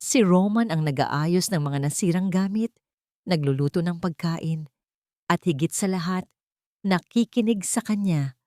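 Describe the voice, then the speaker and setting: In a dry, close recording with no echo, a woman with a fairly low voice narrates a dramatic audiobook story. Her scripted delivery is unhurried and mellow.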